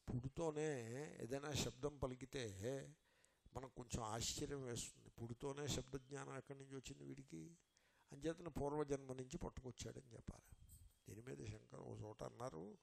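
A man with a gravelly voice at a middle pitch, teaching scripture. He explains each point in turn and poses questions to his listeners. He slows down to recite Sanskrit verses. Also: a little mellow. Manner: explains step by step with rhetorical questions. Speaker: Vedanta teacher. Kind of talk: scripture lecture.

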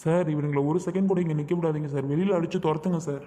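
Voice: mid-range voice, steady tone, quick pace, warm tone, lightly acted. A performer playing an irritated young office worker who complains and begs his boss to throw troublemakers out. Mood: exasperated.

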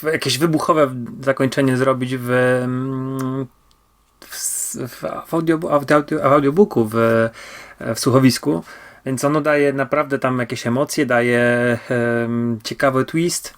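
A podcast co-host talks through a review in a casual way, stammering and restarting often and repeating words for emphasis. His medium-pitched voice is steady and fairly bright, moving at a measured pace.

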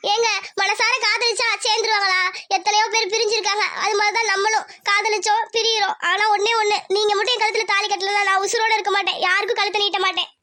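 A performer voicing a spirited young village woman in a cartoon, sharp with a pest and tender with her lover. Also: extremely high pitch, little pitch movement, fast, few pauses. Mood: sorrowful. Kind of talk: cartoon voice acting.

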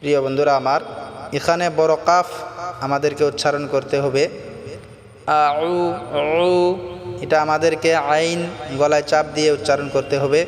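A man giving a Quran pronunciation lesson, chanting verses slowly and melodically, then explaining quickly in between. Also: fairly high pitch, flat delivery, big-room sound. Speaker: Quran recitation teacher.

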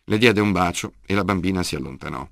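A man narrating a short story in a measured way, dropping his voice at the ends of lines. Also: low voice, creaky, a bit bright, no room sound, clean studio sound. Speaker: audiobook narrator. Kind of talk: scripted narration.

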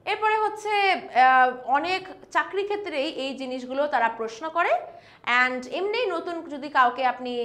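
A young woman with a Bangladeshi accent teaching spoken English online, mixing Bengali explanations with slow, carefully spoken English example sentences. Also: high-pitched, pushed and bright. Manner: mixes Bengali with English, reads English examples slowly and deliberately. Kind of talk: online lesson.

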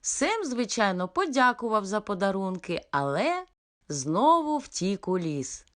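A woman narrating a children's fairy tale in a gentle, unhurried way. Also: medium pitch, big pitch swings.

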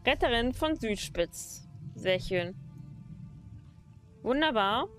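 A woman's voice: on the high side, lively intonation, slow, a bit bright. A woman streaming a video game with casual let's play commentary. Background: game music.

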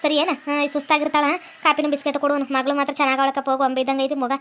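Woman voicing a bossy older village woman, North Karnataka accent, quick scolding cartoon voice. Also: sits high, monotone, fairly bright tone, a little hiss or hum, pitched below the performer's own voice. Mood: fussing. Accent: North Karnataka Kannada.

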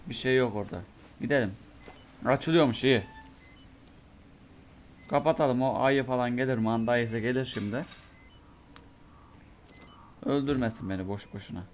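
A young man giving let's play commentary on a horror game, talking to himself and cursing in bursts, his voice going hoarse from a sore throat. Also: mid-range voice, normal speed, long pauses, slight background noise. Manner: mutters to himself, curses and reacts in bursts. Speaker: gamer playing a horror game.

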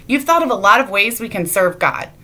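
A woman's voice: medium pitch, big pitch swings, a little fast, pushed and bright. A woman giving a playful children's object lesson in church, teasing and asking her young audience questions. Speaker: children's sermon leader. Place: church sanctuary.

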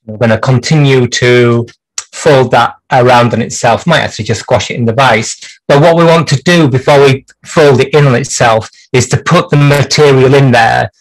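A man's voice: medium pitch, creaky, slight background noise, low-quality recording. A man hosting a clock repair livestream from his workshop bench, chatting through the work with dry jokes and lots of hesitations.

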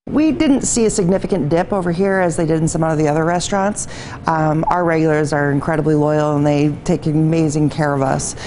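A woman's voice: deep voice, a little fast, warm tone, slight background noise, rough recording. A middle-aged woman restaurant manager speaking candidly in a news interview at her restaurant.

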